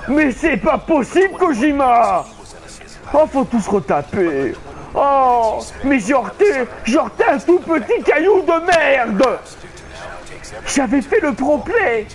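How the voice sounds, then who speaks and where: A man giving excitable let's play commentary, panicking and swearing at the game while he plays. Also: extremely high pitch, takes it slowly. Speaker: gamer streaming a playthrough. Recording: game noise behind the voice.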